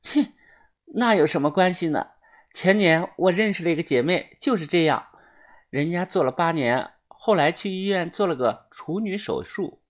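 A woman voicing a frank, world-weary young woman who talks in a wry, matter-of-fact way in a storybook reading. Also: lowish voice.

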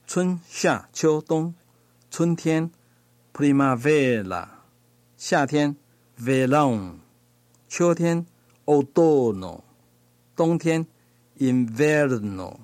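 Slow, careful male language teacher. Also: on the high side, expressive, a little mellow, no room sound. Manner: slow, deliberate, pronouncing each word carefully. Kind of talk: slow recorded language lesson.

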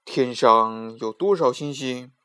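A man's voice: slow, sharp tone, clean tone. A man playing a blustering, panicky cruel emperor. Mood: demanding. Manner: shrill and panicky when frightened.

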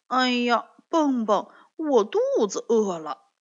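A woman voicing a boisterous, stubborn young male frog in a children's story, loud and cheerful. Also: on the high side, big pitch swings, slow pace, full character voice. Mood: hungry. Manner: cheerful and loud, grumbles when caught out. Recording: dull lo-fi recording.

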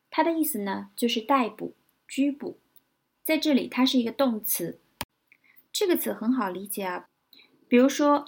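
A woman teaching English vocabulary in a lesson, spelling words out letter by letter and repeating example sentences slowly. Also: fairly high pitch, a little mellow, husky.

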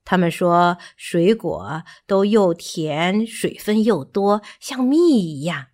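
A gentle giraffe dreams aloud about the far mountains in a storybook, speaking calmly and slowly, as a woman reading the tale voices him. His voice stays close to the reader's own, with a wide, singing melody. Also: lowish voice. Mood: dreamy.

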